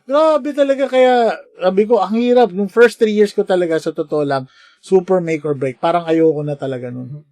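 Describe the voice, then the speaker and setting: Man from the philippines, middle-aged, lively storyteller, high voice, dry recording. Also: moderate pace, no echo. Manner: animated anecdotes with laughter. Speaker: podcast guest, nurse. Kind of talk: casual storytelling chat.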